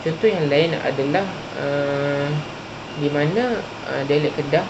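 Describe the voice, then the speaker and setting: A man with a Malaysian Malay accent reading out an academic presentation carefully and haltingly, like a student presenter. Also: a little high. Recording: muffled lo-fi, loud hum.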